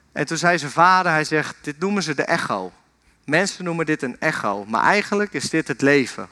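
A man's voice: fairly high pitch, bright, forceful tone. A man preaching in a church, telling stories and talking directly to the people in front of him. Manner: storytelling, addresses the audience directly. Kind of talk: sermon.

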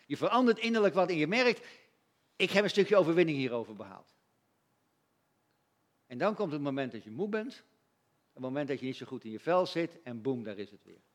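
A man preaching a sermon in a conversational, animated way, acting out little voices and asides. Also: fairly high pitch.

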